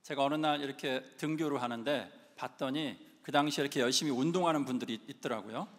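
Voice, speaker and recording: A man's voice: medium pitch, fast. A man giving a sermon, telling his own story and putting questions to the listeners. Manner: lively, asks the audience questions, acts out his own past shouting. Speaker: preacher. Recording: long reverb of a large hall.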